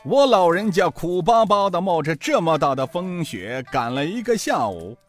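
A man's voice: high-pitched, sing-song, moderate pace, faint music behind, pitched above the performer's own voice. A man voicing a comic old male master thief who grumbles and pleads in a wheedling whine. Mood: grumbling.

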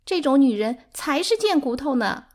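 A woman's voice: sits high, big pitch swings, normal speed, a little mellow, pitched above the performer's own voice. A woman voicing a hysterical, sobbing concubine who screams her lines in an audiobook. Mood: shrill furious.

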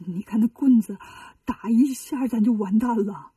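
A woman's voice: fairly high pitch, moderate pace, dark tone, breathy edge, no echo, studio quality, distant mic. A woman voicing a timid young male temple handyman monk who talks in a nervous, hesitant way, in a storybook retelling. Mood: frightened.

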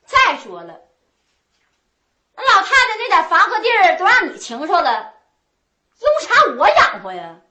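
A woman playing a stingy, spiteful middle-aged sister-in-law with a Northeastern Mandarin accent, sharp-tongued and quarrelsome. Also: very high-pitched, huge pitch swings, unhurried, long pauses, exaggerated voice. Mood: scornful. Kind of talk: comic stage folk opera dialogue. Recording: echoey stage sound.

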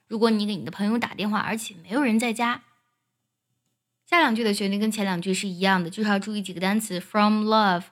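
A woman teaching an English song, explaining each line and singing it slowly as a demonstration. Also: medium pitch. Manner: explains pronunciation, then sings demo phrases.

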